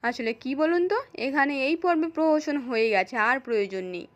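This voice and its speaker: A sharp-tongued mother of the bride, read by a woman. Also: high voice, moderate pace, close to an everyday voice. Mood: cutting. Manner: cutting, assertive.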